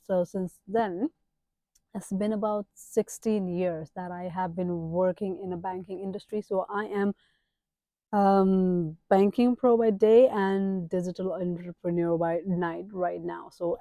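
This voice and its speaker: A Kathmandu woman in her thirties, a page owner and digital entrepreneur with a Nepali accent, introduces herself in a casual vlog. She speaks straight to viewers with emphatic asides, her medium-pitched voice dark in tone, recorded dry.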